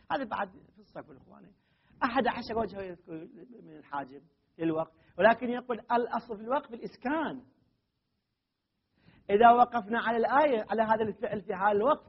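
In this dull, lo-fi recording, a teacher of Arabic grammar and Quran readings delivers a classroom lecture. His voice is high and husky, and he goes slowly, circling back with repeated phrases and stressing important words emphatically.

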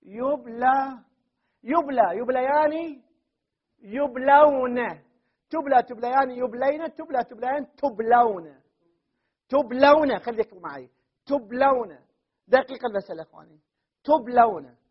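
A man teaches a grammar class in a very high, husky voice. He chants word forms one after another and keeps asking his students whether they follow. The recording is dull and lo-fi. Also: normal speed, pauses often. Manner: drills word forms aloud, often checks with students.

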